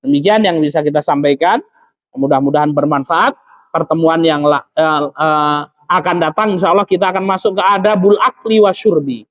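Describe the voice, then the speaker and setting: A man's voice: on the high side, moderate pace, fairly bright tone, muffled recording. A man delivers an Islamic study lecture. He keeps it conversational and loose, tagging his sentences with fillers as he explains. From Lampung, Indonesia. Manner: conversational, with frequent tag fillers. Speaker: Islamic teacher.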